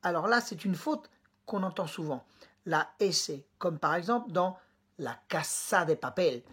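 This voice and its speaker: A woman teacher giving a pronunciation lesson, patiently explaining and repeating sounds slowly while speaking directly to the student. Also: lowish voice, animated, fairly bright tone, slightly rough. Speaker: Spanish teacher.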